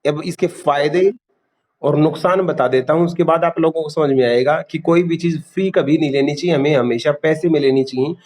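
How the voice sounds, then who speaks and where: Man, classroom lecture, quizzes students, somewhat high voice. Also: normal speed, a little mellow, slight background noise. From India. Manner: quizzing students, repeating key terms. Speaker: teacher.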